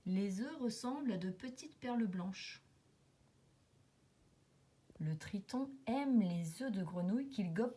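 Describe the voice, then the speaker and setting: Narrating a nature book for children, a woman with a husky, mid-range voice reads like an expressive storyteller. She leans dramatically on repeated words and sound words throughout.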